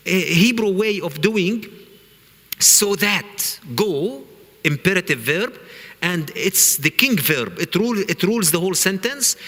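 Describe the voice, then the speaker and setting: Man, earnest lecturer, bright voice, somewhat high, reverberant hall. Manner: earnest, repeats words, reads Hebrew aloud. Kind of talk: teaching lecture on scripture.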